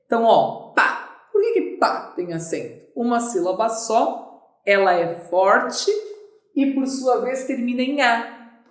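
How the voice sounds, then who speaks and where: A woman's voice: fairly high pitch, big pitch swings, a little slow. A Brazilian woman teaching an online grammar lesson, chatty, asking and answering her own questions. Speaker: Portuguese teacher. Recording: echoey room.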